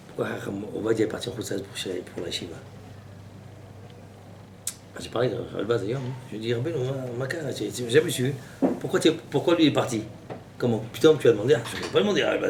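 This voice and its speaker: A man preaches as a rabbi, his pitch swinging widely as he bursts into exclamations. He stands some way from the mic in an echoey hall. Steady background noise hangs around his voice. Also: vocal fry. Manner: animated, exclamatory storytelling with sudden high outbursts. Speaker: rabbi giving a Torah class. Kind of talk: lively sermon with anecdotes. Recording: echoey room, voice from far off, noisy.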